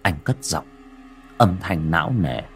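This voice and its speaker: Male audiobook narrator, horror, animated pitch. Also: measured pace, faint music behind. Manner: dramatic, expressive delivery. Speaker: storyteller.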